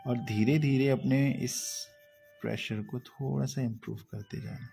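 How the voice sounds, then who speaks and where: A man's voice: medium pitch, fairly even intonation, unhurried, creaky, warm tone. A man teaching a live online drawing lesson, who explains patiently, repeats his phrases and keeps asking viewers "right?", with faint music in the background.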